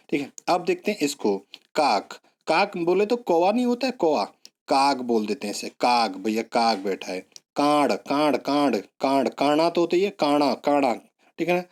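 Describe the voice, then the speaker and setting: A man's voice: a little high, a little mellow. Man drilling students with memory tricks. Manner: repetitive, drills words with memory tricks, coaxing. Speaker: teacher. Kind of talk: online exam-prep lesson.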